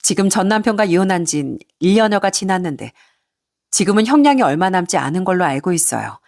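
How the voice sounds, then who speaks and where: A woman's voice: on the low side, no room sound, clean studio sound. Woman narrating a first-person story. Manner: conversational, recounting with indignation.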